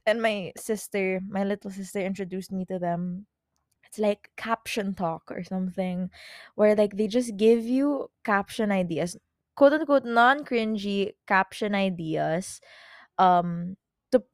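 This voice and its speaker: A woman's voice: medium pitch, no room sound, studio quality. Chatty young Filipino woman podcaster. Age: 20s. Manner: chatty, rambling, full of "like" fillers and quick self-corrections. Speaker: podcast host. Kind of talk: casual solo podcast chat.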